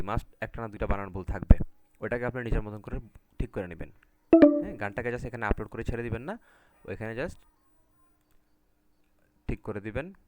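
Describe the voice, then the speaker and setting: A man's voice: fairly low pitch, background noise. A man teaching a live online class over a video call, talking casually and often checking in with his students. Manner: casual, repeats "ঠিক আছে?" to check in with students.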